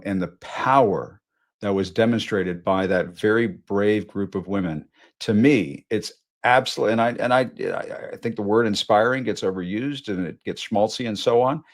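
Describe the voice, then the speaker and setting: Emphatic male host, lowish voice. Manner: conversational, emphatic, swearing. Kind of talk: live news show sign-off. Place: Washington studio.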